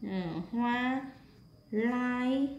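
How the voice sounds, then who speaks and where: Through a muffled recording with crowd noise behind her, a woman speaks very slowly in a fairly high voice as she leads a workbook lesson. She's an English teacher who sounds tired, explaining each step while stretching out words, stressing syllables, and filling gaps with many fillers.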